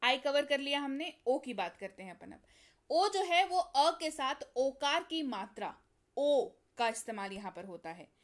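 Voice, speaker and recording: A woman's voice: high voice, big pitch swings, a little slow. A woman teaching an English phonics lesson, patiently repeating sounds and checking that her students follow.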